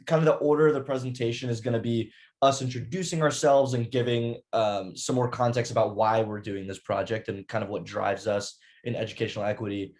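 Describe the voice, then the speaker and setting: A man's voice: mid-range voice, darkish tone. A young man, a college student, giving an earnest prepared presentation over a video call, with frequent fillers and restarts. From United States. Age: young adult.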